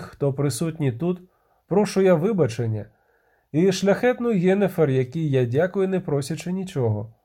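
A man's voice: fairly high pitch, warm tone, close to an everyday voice. A man reading an audiobook, voicing a weary, proud monster hunter who speaks formally and bitterly. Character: weary proud male witcher.

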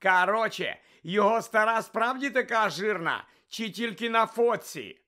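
A man's voice: high-pitched, expressive, normal speed, voice pushed up. A man doing a sneering teenage bully. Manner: mocking, jeering, loud. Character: sneering rich teenage schoolboy, spiteful bully.

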